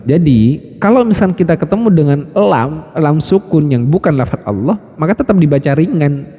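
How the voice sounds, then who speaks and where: A man teaching recitation patiently, stopping to chant example words slowly. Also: on the high side, animated, husky, big-room sound, highs cut off. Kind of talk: explanatory lesson.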